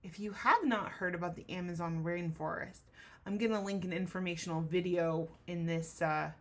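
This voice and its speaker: In a lowish voice at normal speed, a woman teacher reads a storybook aloud to children with enthusiasm and expression. She speaks right to her young listeners, asking questions and explaining things.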